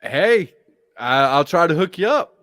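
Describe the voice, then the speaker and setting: A man hosting a casual talk show, chatty and quick to laugh, often trailing off mid-thought. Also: a little high, very animated, a bit bright, dry recording, clean studio sound. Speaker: show host.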